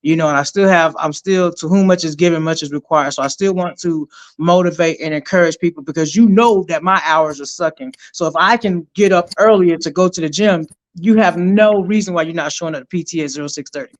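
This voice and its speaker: A middle-aged woman, a retired army sergeant, telling her story in an energetic, emphatic way as a podcast guest. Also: on the low side, fairly quick. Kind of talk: conversational interview storytelling.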